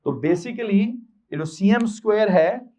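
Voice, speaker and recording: A man's voice: sits high, measured pace, dark tone. A male physics teacher with a Pakistani Urdu accent, lecturing a class and quizzing the students with repeated questions.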